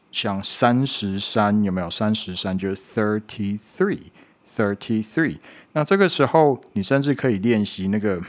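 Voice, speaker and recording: A man with a somewhat low voice gives a spoken pronunciation lesson. He talks patiently and demonstrates each sound slowly, repeating it several times. He often checks in with a quick "OK". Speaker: English pronunciation teacher.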